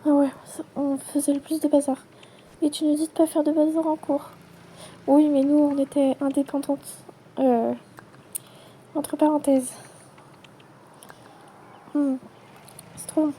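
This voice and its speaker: A woman acting out a playful toy role-play, switching quickly between many characters in chatty everyday dialogue. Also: sits high, flat delivery, mellow, a little hiss or hum. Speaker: channel creator voicing every character.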